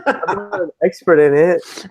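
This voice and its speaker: A man's voice: high-pitched, measured pace. A man in his thirties, a guest on a chat show, joking and self-deprecating in easy banter. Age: 30s. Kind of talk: casual chat.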